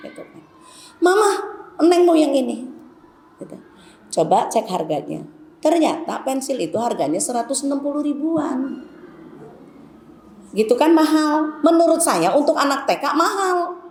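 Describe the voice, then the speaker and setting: A woman's voice: high voice, lively intonation, normal speed, long pauses. Chatty woman lecturing in an echoey hall. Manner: chatty, storytelling, addresses the women as "Bu". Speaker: Islamic women's teacher. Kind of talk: conversational Islamic lecture with anecdotes. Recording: echoey hall, faint background noise.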